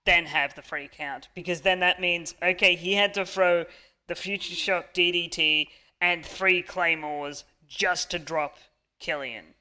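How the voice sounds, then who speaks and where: Bright smooth-voiced man chatting. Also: high-pitched, steady tone, a little slow. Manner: eager, stumbles on word starts. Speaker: podcast co-host. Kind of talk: casual chat about wrestling.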